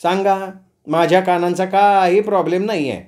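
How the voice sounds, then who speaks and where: A teasing young woman with a quick, cutting tongue, as a male storyteller puts her on. She fires back raised, pointed questions and never gives an inch. She sounds like a storybook character, pitched higher than the teller's own voice. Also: steady tone, a little mellow, natural voice. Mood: sharp. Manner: mocking, quick-witted retorts. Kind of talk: storytelling with acted dialogue.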